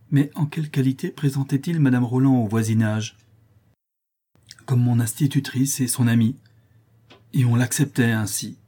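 A man reading a classic novel aloud in a measured, literary narration. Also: lowish voice, warm tone, breathy edge. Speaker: audiobook reader. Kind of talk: scripted narration.

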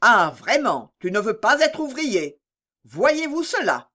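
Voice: medium pitch, fairly bright tone, pitched above the performer's own voice. Reader doing scornful controlling stepfather, storybook, scolding. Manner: contemptuous, scolding. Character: irritable domineering stepfather.

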